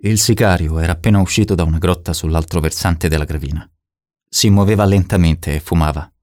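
A man reading a novel aloud as narrator in a steady, measured way. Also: sits low, no echo, clean studio sound. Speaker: audiobook narrator. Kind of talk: scripted narration.

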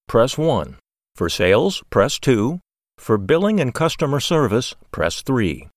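A man's voice: mid-range voice, a little mellow, dry recording, studio quality. Man reading phone menu prompts. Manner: polite, measured, evenly paced prompts.

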